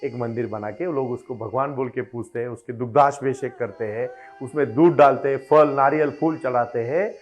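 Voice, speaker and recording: A man's voice: mid-range voice, moderate pace, hardly any pauses, faint music behind. A man giving an emphatic devotional motivational address, building into fervent exhortation. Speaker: motivational spiritual speaker.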